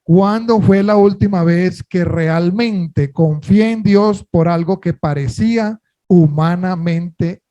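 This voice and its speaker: A man preaching a sermon in an earnest way. He often asks the listeners a question and answers it himself, and he slows down on key words. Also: high-pitched, dark tone, highs cut off.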